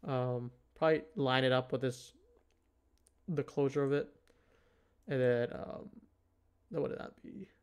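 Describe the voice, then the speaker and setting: A man's voice: mid-range voice, steady tone, measured pace, pauses often, darkish tone, clear, resonant tone. A man giving casual live trading commentary, thinking aloud in a hesitant way. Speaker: livestream host, futures trader.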